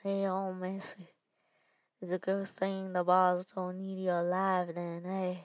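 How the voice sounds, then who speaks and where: Woman narrator doing a drunken male thug, drawling and cruel, slow. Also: fairly low pitch, completely flat delivery, no echo. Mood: mocking.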